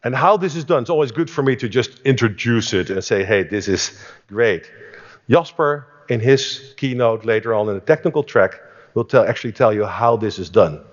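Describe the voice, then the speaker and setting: Man giving an enthusiastic keynote. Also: mid-range voice. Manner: enthusiastic, storytelling, restarts often. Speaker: company chief executive. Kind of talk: conference keynote. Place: conference stage. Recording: reverberant hall, dull sound.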